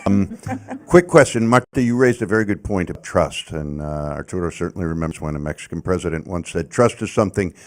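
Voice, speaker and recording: Deep-voiced man asking a courteous question. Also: lively intonation, brisk. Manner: courteous, anecdotal. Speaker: audience member, former ambassador. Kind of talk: audience question at a panel.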